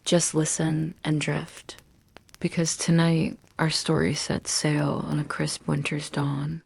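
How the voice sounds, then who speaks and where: A woman narrating a bedtime story in a soft, hushed, soothing voice, gently and with long pauses. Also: deep voice, completely flat delivery, gravelly, husky, no room sound. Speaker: narrator of bedtime history stories.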